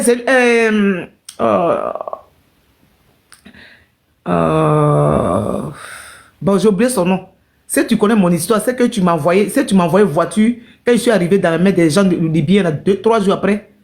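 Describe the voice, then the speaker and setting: An emotional woman speaks straight to her live-stream viewers and keeps circling back over her own painful story. Her telling is repetitive and heartfelt, with frequent direct questions to the audience. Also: medium pitch.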